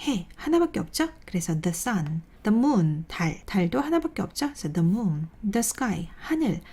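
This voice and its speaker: A woman giving an online grammar lecture in a lively, up-and-down voice. She explains each rule step by step, often asks a question and then answers it herself. She reads her English example sentences slowly and carefully. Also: medium pitch, husky.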